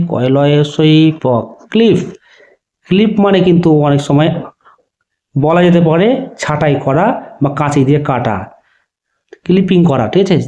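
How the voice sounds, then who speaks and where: A man teaching with a fairly high but mellow voice, spelling words letter by letter. He keeps asking his students if they follow. The recording sounds dull and lo-fi. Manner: checks understanding with repeated questions, spells letters out slowly. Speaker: online teacher. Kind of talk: spoken lesson to students.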